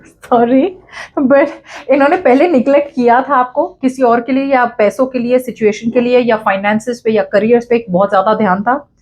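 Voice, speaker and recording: Woman doing a casual tarot reading, slightly high voice, blunt and direct, switches between hindi and english. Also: fairly even intonation, moderate pace, a little mellow. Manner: acts out quoted lines to the listener. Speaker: tarot reader.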